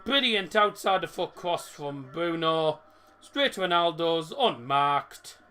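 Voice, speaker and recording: A man's voice: a little high, animated, slow pace, pushed and bright, clear, resonant tone. A man giving live fan commentary on football as a streamer, pronouncing his r sounds as w. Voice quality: cannot pronounce R's, says w for r. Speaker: football watchalong streamer, Manchester United fan.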